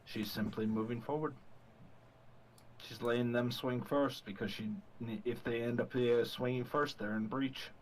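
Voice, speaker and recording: A man player speaking in character with a hushed, menacing delivery. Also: mid-range voice, fairly even intonation, measured pace, a little hiss or hum, low-quality recording. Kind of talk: in-character role-play.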